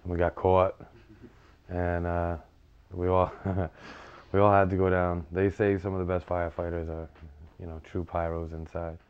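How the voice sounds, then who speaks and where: A man from the United States, a firefighter, telling personal memories in a halting, plain-spoken, reflective interview style. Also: deep voice, little pitch movement, smooth, lo-fi sound.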